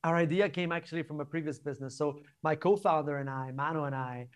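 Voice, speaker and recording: A young man from Barcelona, Spain, with a Spanish accent and a smooth, fairly high voice, talks fast as a podcast guest and startup co-founder. In this casual interview conversation he speaks informally and discursively, often checking in with "right?".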